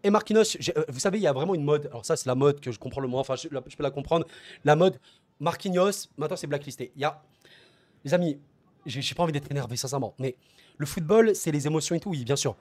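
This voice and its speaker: Guy ranting about football to his viewers, higher voice, keeps restarting sentences. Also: fast talker, a little mellow, no room sound. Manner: passionate, talks straight to viewers as friends; repeats words and restarts phrases while thinking aloud. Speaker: football channel host. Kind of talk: solo football match debrief.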